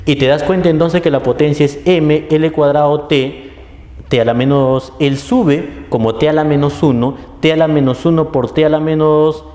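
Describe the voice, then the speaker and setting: Man, physics teacher, classroom lecture, methodical, warm low-key tone, roomy echoey recording. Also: fairly even intonation, normal speed. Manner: methodical, step-by-step, checks in with "¿sí?". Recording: echoey room with long reverb.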